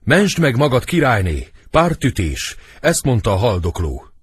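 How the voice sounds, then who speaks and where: A man's voice: on the low side, big pitch swings, breathy edge, dry recording, studio quality. A man voicing a loyal, frantic old male servant in a dramatic audiobook reading. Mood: alarmed. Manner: loud, urgent stage delivery.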